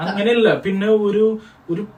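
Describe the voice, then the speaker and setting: A young Malayali man as co-host in a casual question-and-answer chat, explaining his views in a calm, lecturing way. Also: high voice, normal speed, reverberant, highs cut off. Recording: distant mic with faint noise.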